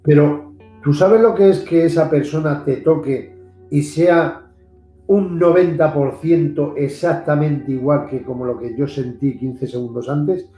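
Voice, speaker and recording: A man's voice: on the high side, a little slow, mellow. A man with a Spanish accent from Spain, a paranormal investigator telling a firsthand story in an interview. He talks earnestly, repeating himself for emphasis. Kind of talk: animated storytelling in a video interview. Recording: echoey room, faint guitar music behind.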